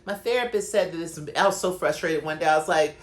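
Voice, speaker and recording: A woman's voice: fairly low pitch, fast talker. A woman hosting her own podcast, ranting casually and profanely in a solo, digressive monologue. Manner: conversational, digressive. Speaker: podcast host.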